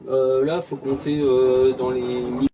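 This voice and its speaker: A man's voice: medium pitch, little pitch movement, unhurried, noisy background. A pool technician, a man who speaks in a laid-back, hesitant way with many fillers, heard from off the mic.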